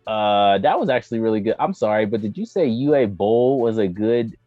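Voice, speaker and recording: Brisk and expressive, this fairly low-pitched man co-hosts a podcast, bluntly and emphatically sharing opinions on video game movies in slangy, profane chat. There's no echo, but the lo-fi mic sounds dull and music runs beneath him.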